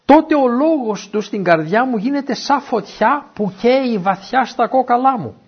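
A man preaching from the Bible with a husky, slightly raised voice that swings widely up and down as he tells the story. He keeps asking his listeners questions as he goes. The recording is dull and muffled. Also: very high voice. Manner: lively storyteller who asks the listeners questions. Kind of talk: Bible teaching talk.

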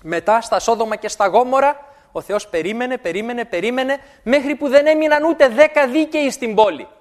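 A man preaching a sermon, animated and repeating words for emphasis. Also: very high voice.

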